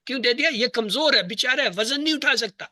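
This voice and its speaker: A man teaching Arabic verb grammar to a class, asking questions and answering them himself, and spelling out letters and words slowly. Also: extremely high pitch, pushed and bright, no echo. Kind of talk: classroom lesson.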